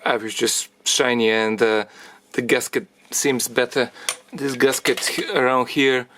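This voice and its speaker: A man explaining a car repair as he works on it, thinking aloud in halting phrases and getting out of breath from the effort. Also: mid-range voice, flat delivery, noisy background. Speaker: DIY car repair presenter. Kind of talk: hands-on repair tutorial.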